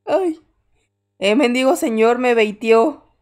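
A woman's voice: on the high side, animated, slow pace, darkish tone. A young woman commenting on a horror game, full of jittery, scared exclamations and chatty asides. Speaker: gaming streamer.

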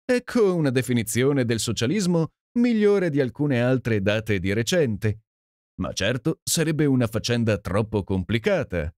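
A man's voice: mid-range voice, very animated, a little slow, a little mellow, no room sound, studio quality. A man reading an audiobook and voicing a cheeky young socialist journalist with a wry, gaily mocking manner. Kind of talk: audiobook character voice.

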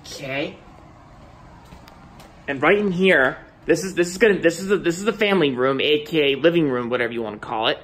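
A young man films a casual tour of his new house on a handheld phone held off screen, walking from room to room as he talks. His voice is a little high, animated and fairly bright, and he speaks briskly. The vlogger rambles, repeating words and restarting often.

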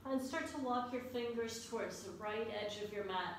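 A woman leading a yoga class as the instructor, in a calm, unhurried, soothing guiding delivery. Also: a little high. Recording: echoey room, distant mic, faint noise.

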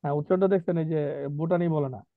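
A man's voice: a little high, fairly even intonation, fast, no room sound. A man teaching an online vocabulary class, drilling spellings and pronunciation with chatty asides. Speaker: English teacher. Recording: tinny dry online call.

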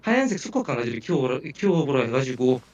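A man's voice: mid-range voice, big pitch swings, fast talker, darkish tone, muffled recording. A man recounting strange events at home as a guest in a casual interview.

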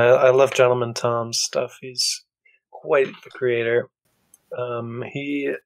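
Young male co-host, enthusiastic, casual chat, fry in the voice. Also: medium pitch, low-quality recording. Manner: upbeat and enthusiastic, hesitant ums. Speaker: podcast co-host. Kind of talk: casual gaming podcast chat.

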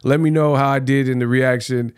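A man's voice: mid-range voice, steady tone, fairly quick, a little mellow, clean tone, no echo, clean studio sound. A man in his thirties hosting a reaction video with colloquial, teasing commentary, often repeating himself. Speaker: reaction channel host. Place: small home studio, indoors. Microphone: close microphone on a stand.

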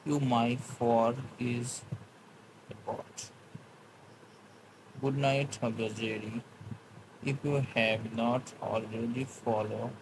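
A man chatting live with viewers and answering their comments in halting, broken English. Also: mid-range voice, creaky, background noise. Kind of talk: casual live-stream chat.

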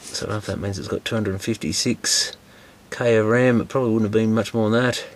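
Male repair host, low voice, unhurried, musing workshop commentary. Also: fairly even intonation. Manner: thinking aloud, hedging guesses. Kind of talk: casual teardown commentary. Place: workshop bench, indoors.

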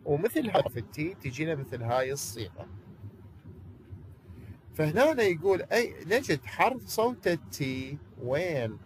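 A man's voice: a little high, very animated, normal speed, a little hiss or hum, low-quality recording. A man with an Iraqi Arabic accent teaching an online English class, asking questions and then answering them himself.

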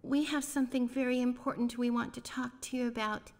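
A woman's voice: fairly high pitch, little pitch movement, brisk, close to an everyday voice. An actress voicing a nervous young woman in a video game, hesitant and easily flustered. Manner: hesitant, flustered, drops to whispers. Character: nervous young female camera operator, timid and flustered. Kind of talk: game voice acting.

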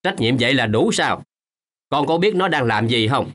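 An actor playing a kindly, remorseful old man in a radio drama, gentle at times and firmly scolding at others. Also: medium pitch, lively intonation, normal speed, natural voice. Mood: stern. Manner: gentle, then firm and scolding.

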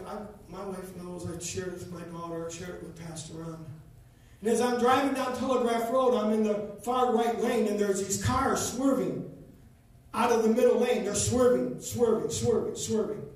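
A man preaching a sermon, telling a story with rising passion until he shouts. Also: high voice. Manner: impassioned, builds to shouting. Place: church sanctuary. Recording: echoey church from far off.

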